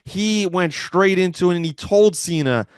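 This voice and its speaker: A man giving reaction commentary as a recap, halting at times and restarting his words. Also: sits high, smooth, no room sound, clean studio sound. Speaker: wrestling commentator.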